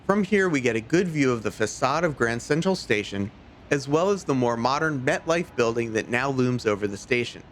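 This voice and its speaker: A man's voice: medium pitch, lively intonation, moderate pace. A man narrating an informative guided tour as a travel host. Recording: faint background noise and ambience.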